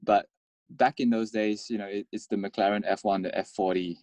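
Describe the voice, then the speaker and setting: Guest: man from Malaysia, deep voice, dry close sound, halting casual talk. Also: steady tone, a little mellow, dry recording. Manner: halting, repeats words while talking. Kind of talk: casual interview conversation.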